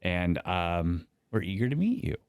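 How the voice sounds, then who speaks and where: A man's voice: low-pitched, sing-song, a little slow, a little mellow, clean tone, no room sound. A man with a slight lisp co-hosting a casual chat show, rambling and joking. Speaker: co-host.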